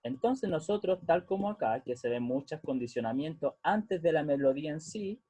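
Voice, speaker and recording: This music teacher has a fairly high, warm voice with a breathy edge, animated at a normal pace, in a dry recording. He is patient while explaining theory in a lesson, frequently asking "¿ya?" to make sure students follow.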